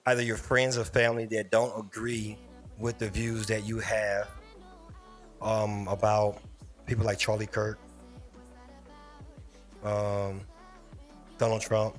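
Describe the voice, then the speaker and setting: A man hosting a casual livestream, rambling as he talks straight to viewers in the chat. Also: fairly low pitch. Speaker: livestream host. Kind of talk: casual live-stream commentary.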